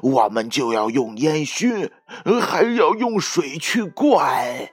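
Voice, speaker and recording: A gravelly, bullying wolf, as a man puts him on, bellows his threats into a rabbit's burrow. His voice rises and falls widely as he shouts. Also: fairly high pitch, expressive, slow pace, soft background music, exaggerated voice. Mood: menacing. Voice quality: hoarse. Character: menacing hoarse male wolf.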